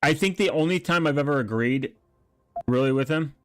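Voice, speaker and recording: A man's voice: fairly high pitch, fairly bright tone, clean tone, no echo. Rambling man in casual commentary, close dry sound. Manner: halting, rambling, often trails off and restarts mid-thought. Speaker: streamer reacting to online videos and channels.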